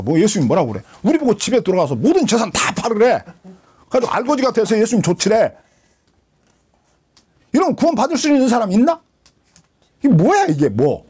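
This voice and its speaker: A husky man, a pastor teaching the Bible in a sermon, who asks rhetorical questions and answers them himself. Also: high voice, wildly swooping pitch, brisk, long pauses, a little mellow.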